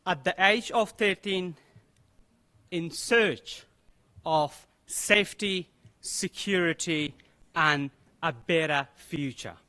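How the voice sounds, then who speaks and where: A young man from Afghanistan, delivering a formal prepared speech as a youth delegate in a slow, deliberate, solemn way. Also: high-pitched, sharp tone. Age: young adult.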